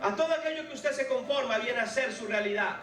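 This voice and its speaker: A man's voice: extremely high pitch, a little fast. A man preaching a fervent sermon as pastor, exhorting the congregation to have faith. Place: large church hall. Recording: echoey hall, distant mic, music behind.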